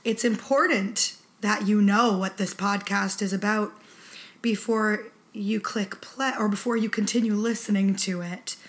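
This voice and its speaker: A woman's voice: mid-range voice, fairly even intonation, unhurried. Woman podcast host, voice sounding sick. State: sick with flu-like illness affecting her voice. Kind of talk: casual chat.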